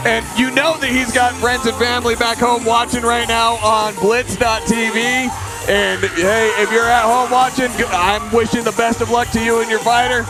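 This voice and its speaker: An enthusiastic male fight commentator with a very high voice for a man. He talks conversationally and upbeat, as live coverage, with music clearly playing behind him. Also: flat delivery, normal speed, poor audio. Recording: loud music and noise behind the voice.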